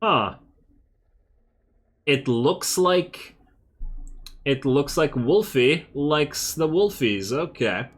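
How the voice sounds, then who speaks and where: A man's voice: on the high side, expressive, very slow, long pauses. A man giving casual, laid-back strategy game commentary, thinking aloud as he plays. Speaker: gamer, host of a let's play series. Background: game music.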